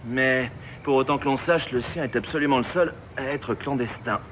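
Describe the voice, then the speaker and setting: An actor playing a methodical investigator on a manhunt, speaking matter-of-factly in French film dialogue. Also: male voice, mid-range voice, moderate pace, natural voice. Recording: noisy action-film soundtrack.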